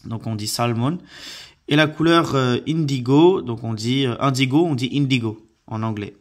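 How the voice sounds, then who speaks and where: A man teaching vocabulary from slides, hesitant with many fillers, repeating words slowly and carefully. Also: medium pitch. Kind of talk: slide-based vocabulary lesson.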